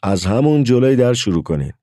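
A man's voice: mid-range voice, very animated, warm tone, no echo, studio quality, voice pushed up, close to an everyday voice. A man doing a brusque village father. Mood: ordering. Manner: brusque, ordering. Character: gruff impatient village father. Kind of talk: audiobook character voice.

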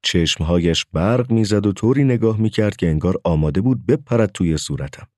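A man's voice: low voice, mellow, no room sound, studio quality. A man narrating a story as an audiobook, telling it expressively.

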